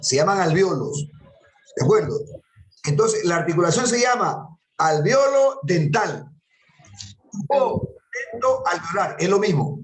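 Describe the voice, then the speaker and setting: A man's voice: high voice, sing-song, a little slow, echoey room, poor audio. A man teaching an anatomy class, patiently repeating terms and quizzing his students. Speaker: anatomy lecturer. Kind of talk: classroom lecture.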